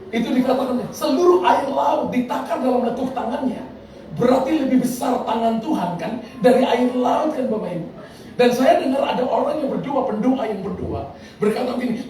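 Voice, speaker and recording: Male pastor, lively preacher, sounds far from the mic in a big reverberant hall. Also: very high voice. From Indonesia. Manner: animated preaching with laughter and acted-out quotes. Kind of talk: sermon. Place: large church hall. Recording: echoey hall from far off with noise.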